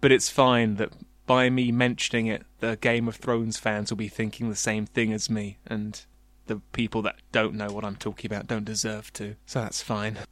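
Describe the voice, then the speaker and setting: A man's voice: lowish voice, little pitch movement, normal speed, few pauses, fairly bright tone, dry recording. Male comedy host, reads fan fiction with mock drama, dry close mic. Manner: mock-dramatic reading, laughs often. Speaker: podcast host reading fan fiction aloud. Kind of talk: comedic reading and banter.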